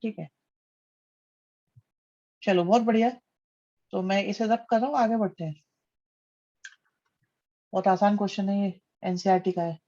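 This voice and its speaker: A man's voice: high-pitched, steady tone, measured pace, pauses often, warm tone, dull audio. A man teaching maths in a live online class. He calls students "beta," reads out their names, praises their answers and repeats his questions back to them.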